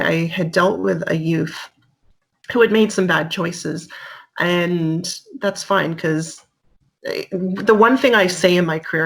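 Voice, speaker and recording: A middle-aged woman, a police officer, telling stories in a casual interview, lively and acting out the people she quotes. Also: vocal fry, husky. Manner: animated, acts out quotes with rising pitch.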